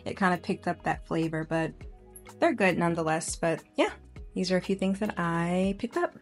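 A woman's voice: on the low side, animated, normal speed, faint music behind. A woman narrating a travel vlog voice-over in a chatty, informal way. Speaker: travel vlogger.

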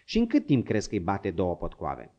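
A gruff, crafty old frontier hunter grumbles and coaxes in a lively, swooping voice, as a man puts him on. The audiobook recording sounds dull and lo-fi. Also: low voice, heavily acted. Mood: sly. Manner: grumbling, scolding, coaxing.

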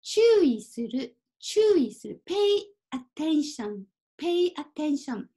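High-voiced woman teaching kanji slowly. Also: big pitch swings, dark tone. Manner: slow, careful, mixes English explanations; apologizes and laughs at her own typo. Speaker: Japanese teacher. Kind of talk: kanji reading lesson.

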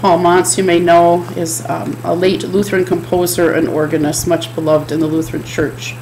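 A woman's voice: fairly low pitch, flat delivery, normal speed, vocal fry, background noise. A middle-aged woman giving a chapel sermon from a home office, speaking in an earnest, repetitive preaching cadence into a desk webcam. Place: home office with bookshelves, indoors.

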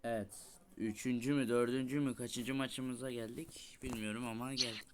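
A young man casually commentating his own gameplay as the host, chatting excitably with teammates. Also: mid-range voice, normal speed. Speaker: gaming video host.

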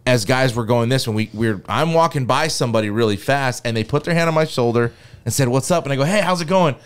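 A man co-hosting a casual sports podcast with a smooth, resonant voice at a middling pitch. He tells stories animatedly, drops the odd curse and laughs at himself. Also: fast. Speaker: podcast co-host.

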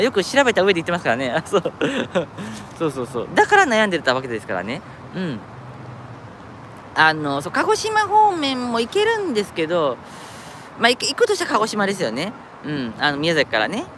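A man's voice: high-pitched, a bit bright. A man chatting casually on a live stream from an outdoor park, reading viewer comments aloud and laughing at himself. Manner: chatty, self-mocking, laughs often. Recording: outdoor traffic noise. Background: street traffic.

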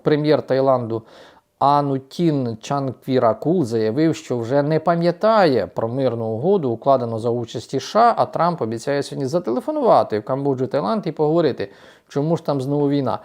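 A man's voice: mid-range voice, expressive, brisk, darkish tone. A man giving casual, ironic news commentary, talking to his viewers as friends. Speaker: political commentator.

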